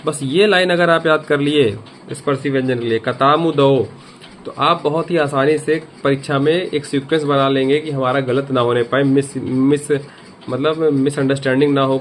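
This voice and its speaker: A man's voice: medium pitch, slight background noise. A man teaching a grammar lesson, repeating each point and asking the viewer questions. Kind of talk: grammar lesson explaining a memory trick.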